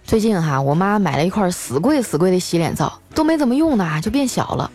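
A woman hosting a show, telling comic stories about her life in a chatty way, with lots of drawn-out filler particles. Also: lowish voice, big pitch swings, darkish tone, soft background music. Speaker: host. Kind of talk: scripted comic storytelling.

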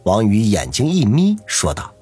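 A man reads a novel aloud as its narrator, his voice low and very husky. He tells the story steadily, with a lively rise and fall, over faint background music. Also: moderate pace. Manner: steady storytelling, doing every character. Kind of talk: audiobook narration.

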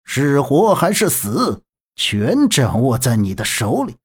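Narrator playing a low-voiced smooth-talking envoy, slow and husky. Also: very animated, full character voice. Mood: persuasive. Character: cunning male envoy, calm and persuasive.

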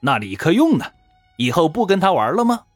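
A man's voice: on the high side, very animated, a little fast, no room sound, soft background music. A man voicing a smug, scheming male warlord in a storytelling show, with a teasing tone.

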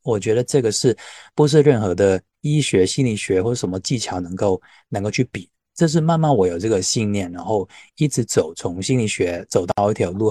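Man, Hong Kong Cantonese accent in Mandarin, low pitch, very dry close sound, reflective teacher talk, occasional English words. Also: mellow, husky, dry recording. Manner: mixes English words into speech. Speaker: Buddhist counselling teacher. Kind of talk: reflective personal talk in a livestream.

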